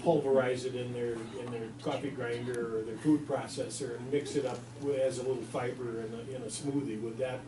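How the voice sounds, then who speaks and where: A man's voice: medium pitch, fairly even intonation, a little fast, few pauses. Joking man asking questions in an echoey room. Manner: joking, hesitant with fillers. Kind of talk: casual questioning. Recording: echoey room, far mic, noisy.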